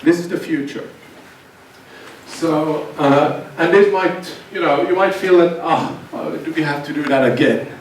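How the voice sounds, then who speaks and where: In a seminar for students, a guest university lecturer, a middle-aged Finn whose mother tongue is Swedish, speaks in a slightly high voice. Halting and unsure, he keeps restarting and repeating words. The recording has hall echo, a distant microphone, and faint hiss.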